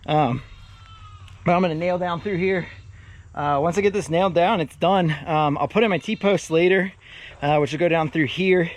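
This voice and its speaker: A man's voice: on the high side, moderate pace. A man talking casually outdoors on his farm, hot and out of breath, rambling with lots of filler sounds. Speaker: farm vlogger. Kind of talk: casual outdoor vlog narration.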